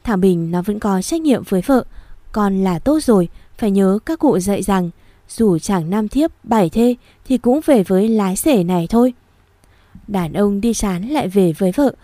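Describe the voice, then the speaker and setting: A sorrowful older mother from the countryside, speaking low and near tears, as a woman reading the story puts her on. Her voice is mellow and warm. The sound is dry and close to the mic. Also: animated, normal speed, dry recording, natural voice. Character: older rural mother, sorrowful and old-fashioned.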